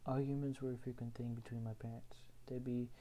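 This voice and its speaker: A young man from Houston, Texas reads aloud a personal story he wrote himself, earnest and measured. His voice is mid-range and level, with a dark tone.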